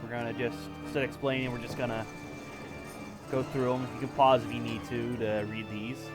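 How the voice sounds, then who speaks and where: A man's voice: mid-range voice, flat delivery, brisk, over music. A man giving casual walkthrough commentary on a video game. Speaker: gamer making a walkthrough.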